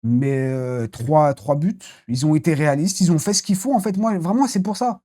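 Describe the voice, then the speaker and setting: A football channel host with a mellow, mid-range voice gives a casual, rambling live debrief after a match, speaking bluntly and swearing readily.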